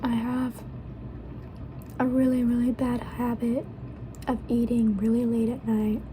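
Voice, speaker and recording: A young woman rambling softly in ASMR style while mukbang eating, talking between bites and slipping into whispers. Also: a little high, level tone, a little slow. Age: young adult. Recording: clear background noise.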